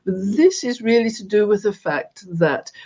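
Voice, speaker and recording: Female interviewee with a mid-range voice; earnest, emphatic delivery, making points deliberately and with repetition. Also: medium pitch, sing-song, mellow, husky, lo-fi sound. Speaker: interviewed guest and spokesperson for an organisation. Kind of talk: earnest interview answer on world affairs and spirituality.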